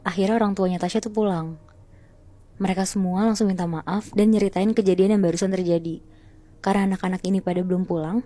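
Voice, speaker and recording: Casual storyteller: woman, low-ish mellow voice, slangy and chatty, faint music underneath. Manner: chatty, slangy, keeps addressing her listener. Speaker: horror story narrator.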